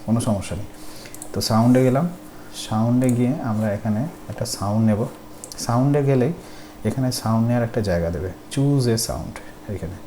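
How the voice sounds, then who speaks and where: A man's voice: medium pitch, dark tone. A man teaching a coding class. He explains patiently, step by step, and asks his students questions. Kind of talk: screen-recorded tutorial. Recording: faint background noise.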